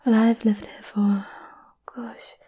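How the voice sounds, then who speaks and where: A woman doing a whispered role-play as a gentle, caring witch, soothing and a little hesitant, close to the microphone. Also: on the high side, little pitch movement, slow, muffled recording. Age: 20s. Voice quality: breathy whisper. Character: gentle, caring centuries-old witch offering potions. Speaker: ASMR performer. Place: small candlelit indoor room.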